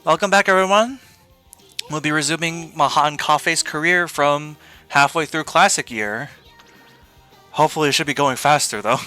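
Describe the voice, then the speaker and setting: Chatty, giggly streamer host; bright voice. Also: mid-range voice, clear, resonant tone. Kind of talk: casual stream chat.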